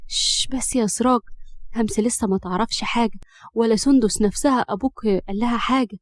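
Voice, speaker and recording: A woman with an Egyptian accent voicing a kind, teasing middle-aged mother who calms her son. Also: fairly high pitch, a little fast, no echo, studio quality, natural voice. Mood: hushed worried. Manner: soothing, teasing.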